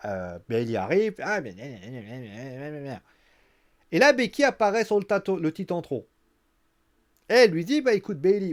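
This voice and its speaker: A young man giving casual spoken commentary on a wrestling show, recapping scenes and acting them out with quick exclamations. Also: on the high side, a little mellow.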